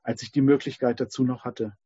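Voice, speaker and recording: A man voicing a dying rich old king who pleads with his wives, husky, on a dull, dry lo-fi recording. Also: medium pitch, fairly even intonation, fairly quick, warm tone, dry recording, natural voice. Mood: regretful.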